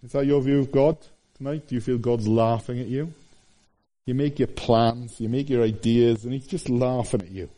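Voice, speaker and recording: A middle-aged man preaching a sermon, animated, with his voice rising and falling for emphasis. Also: medium pitch, normal speed.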